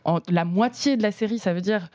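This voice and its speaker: A woman's voice: mid-range voice, a little fast, crowd noise. A woman, a series journalist, giving her opinions as a podcast guest, with lots of hesitations and restarts. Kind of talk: casual podcast discussion.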